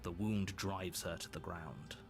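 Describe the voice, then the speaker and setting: A man voicing a grave, insistent narrator in a video game, deliberate and disapproving. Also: deep voice, fairly even intonation. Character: stern, insistent male storybook narrator guiding the hero. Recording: narration over loud game music.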